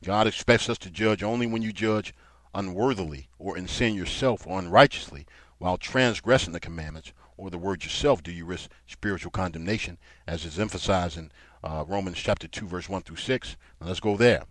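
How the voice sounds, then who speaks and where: Low-voiced male preacher teaching from scripture. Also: fairly quick, fairly bright tone, no echo. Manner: reads scripture aloud, then explains it and grows emphatic. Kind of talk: Bible teaching sermon.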